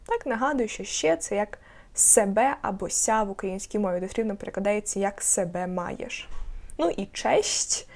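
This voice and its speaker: Woman language tutor, patient explainer, repeats key words, slow deliberate example phrases. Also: mid-range voice, lively intonation, gravelly, a little mellow. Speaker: Polish language teacher. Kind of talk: online language lesson.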